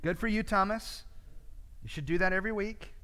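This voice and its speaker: Man, Bible study teacher, conversational, frequent fillers, fairly high voice, long church reverb. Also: brisk, pushed and bright.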